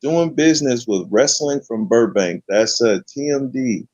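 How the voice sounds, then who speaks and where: A man hosting a casual late-night chat, talking in relaxed slang and stretching out his hype. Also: mid-range voice, no room sound, muffled recording. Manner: laid-back slangy, drawn-out hype. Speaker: host.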